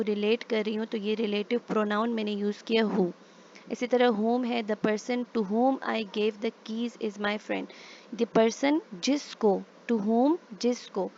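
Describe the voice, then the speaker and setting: Gravelly-voiced woman teaching grammar. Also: mid-range voice, a little mellow, lo-fi sound, a little hiss or hum. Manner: reads English example sentences slowly and deliberately; frequent "theek hai" check-ins. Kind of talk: explaining grammar in Hindi with English examples.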